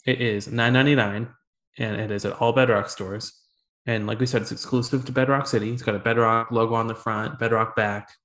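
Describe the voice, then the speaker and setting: A man's voice: mid-range voice, steady tone, fairly quick, a bit bright. A man co-hosting a casual podcast chat, speaking with a strong room echo from a room in his new house, making short, laid-back, wry remarks. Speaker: podcast co-host, comic shop staff. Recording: echoey home room.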